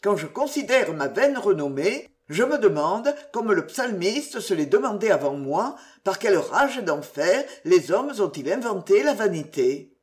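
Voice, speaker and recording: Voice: mid-range voice, sing-song, unhurried, few pauses. A reader voicing a crafty, pompous old Scottish inn waiter who preaches with mock virtue.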